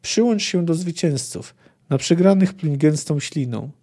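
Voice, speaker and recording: A man reading aloud as a smooth male sorcerer villain, measured and persuasive. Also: fairly high pitch, animated, dark tone.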